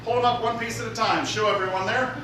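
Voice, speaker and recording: A man's voice: high voice, steady tone, fast talker, sharp tone. Guy doing a comic magic show on stage, jokey and teasing, recorded from far off with background noise. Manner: jokey showman teasing a volunteer, announcing to the crowd. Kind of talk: live comic magic show patter with an audience volunteer. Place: theater stage, live before an audience. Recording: echoey theater from far off, noisy.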